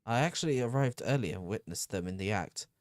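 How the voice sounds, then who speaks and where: A man voicing an earnest loyal ally who reports news in a measured way. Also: lowish voice, lively intonation, no echo, clean studio sound, close to an everyday voice.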